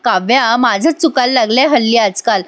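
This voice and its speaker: A woman voicing a wounded young husband who answers in short, quiet, bitter replies. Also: a little high, brisk, no room sound, close to an everyday voice. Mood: hurt. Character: hurt, sulking young husband, quiet and curt.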